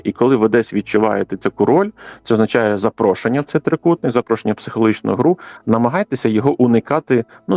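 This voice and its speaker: A man with a Ukrainian accent, a guest analyst answering radio interview questions in a measured, explanatory way. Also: on the low side, mellow, no room sound. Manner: measured, explanatory, occasional hesitations.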